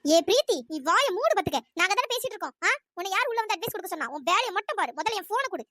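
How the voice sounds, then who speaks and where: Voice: extremely high pitch, sing-song, racing, pushed and bright, dry recording, clean studio sound, full character voice. A performer voicing a defiant young woman in a cartoon story who snaps back indignantly.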